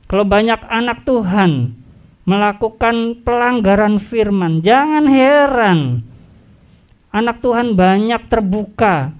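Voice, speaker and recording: A pastor preaching a sermon, firing rhetorical questions at the congregation and repeating urgent warnings. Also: medium pitch. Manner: animated preaching with rhetorical questions and acted-out inner voices.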